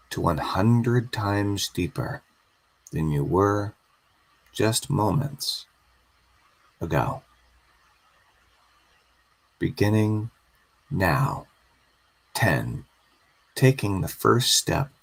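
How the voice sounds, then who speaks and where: Very slow, deep-voiced male hypnotist. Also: gravelly, a bit bright, poor audio. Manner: slow, soothing, drawn-out repetition. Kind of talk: guided hypnosis induction.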